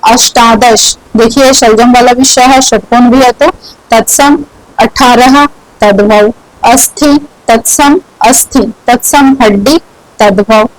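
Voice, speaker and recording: Slow, deliberate woman teaching grammar. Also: on the high side, steady tone, no echo, low-quality recording. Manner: repeats each word, asks and answers her own questions. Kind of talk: slow explanatory lesson.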